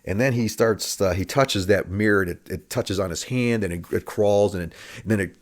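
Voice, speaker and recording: A man telling a comic personal story in a halting, hesitant way, often repeating words. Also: fairly low pitch. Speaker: storyteller, former police officer. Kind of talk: comedic personal storytelling monologue.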